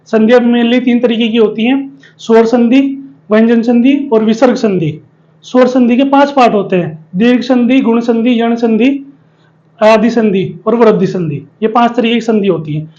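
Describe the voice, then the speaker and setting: A man's voice: very high-pitched, moderate pace, darkish tone, lo-fi sound. A man teaching a spelling lesson, explaining step by step and often asking questions and answering them himself. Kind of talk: spoken Hindi spelling lesson at a board.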